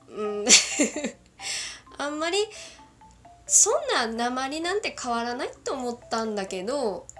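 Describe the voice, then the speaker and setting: A woman's voice: on the high side, a bit bright. A woman from Kagoshima with a mixed northern Kyushu accent, rambling through a casual solo chat and giggling often. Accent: northern Kyushu Japanese. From Kagoshima, Japan.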